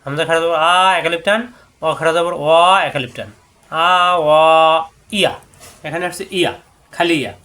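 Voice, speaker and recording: A man whose first language is Bengali, teaching Quran recitation rules, drawing out each example word slowly and then explaining the rule briskly. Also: on the high side, fairly bright tone. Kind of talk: tajweed lesson.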